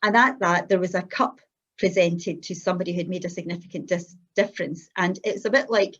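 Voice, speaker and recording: A middle-aged or older Scottish woman giving an unscripted personal testimony as a guest, speaking in an earnest, halting, anecdotal way. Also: fairly low pitch, fairly bright tone, muffled recording.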